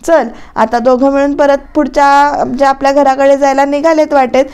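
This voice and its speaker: A woman's voice: high-pitched, flat delivery, normal speed, a little mellow. A woman narrating a casual voice-over recap of a TV serial, chatty and speaking to her viewers.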